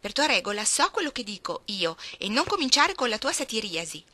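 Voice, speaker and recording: A prim, pouting little girl with a haughty, complaining manner, as a storybook reader gives her a voice. Her tone is bright and lifted a little. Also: fairly high pitch, sing-song, brisk, no room sound, voice pushed up, heavily acted.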